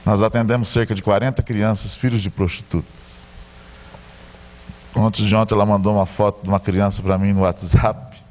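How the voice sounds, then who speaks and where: A man's voice: on the low side, flat delivery, normal speed, darkish tone. A middle-aged man with a Brazilian Portuguese accent, preaching a sermon as a pastor and telling a story with joking asides.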